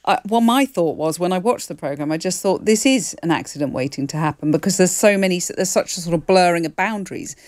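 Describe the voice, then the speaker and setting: A woman hosting a broadcast discussion, briskly steering her guests from topic to topic. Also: on the low side, animated, darkish tone, no room sound, studio quality. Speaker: host.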